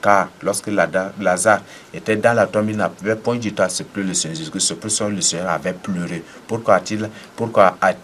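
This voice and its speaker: Male preacher, low register, emphatic deliverance sermon with a faint ambient hiss. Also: fairly quick, few pauses, a bit bright. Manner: commanding, repetitive declarations with sudden emphatic rises.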